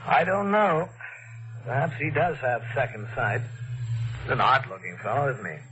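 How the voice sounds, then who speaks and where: An actor playing a polite, skeptical police detective in 1940s radio mystery style, measured and patient. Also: male voice, mid-range voice, lightly acted. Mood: patient, doubtful. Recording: muffled old radio recording, music behind.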